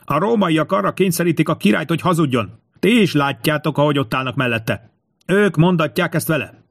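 A man voicing a treacherous young prince who yells desperate accusations in an audiobook. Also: a little high, creaky, voice pushed up. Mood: desperate shouting. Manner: frantic yelling.

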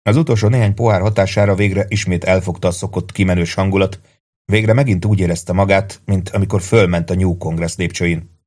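Low-voiced male audiobook narrator. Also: fairly even intonation, darkish tone. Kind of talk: scripted narration.

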